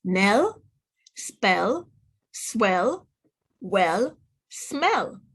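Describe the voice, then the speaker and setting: A teacher with a Jamaican accent reads aloud to children in a phonics lesson, enunciating words instructively and asking the listener questions. Her medium-pitched voice is husky and very slow, with big swings in pitch.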